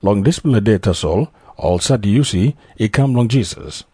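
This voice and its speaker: A man's voice: fairly low pitch, lively intonation, normal speed, darkish tone, husky, dry recording, studio quality. A man with a Papua New Guinean accent narrating scripture from a script.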